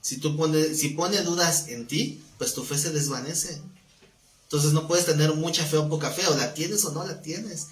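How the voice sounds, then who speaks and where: In a live-streamed Bible class, a man with a fairly high voice teaches at a normal speed, keeping things conversational and often putting questions to his listeners. The recording sounds roomy, with faint background noise.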